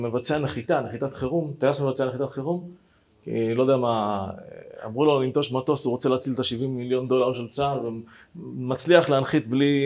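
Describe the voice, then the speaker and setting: Animated man telling a personal story. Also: mid-range voice. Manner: animated, acts out dialogue, addresses listeners directly. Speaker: rabbi.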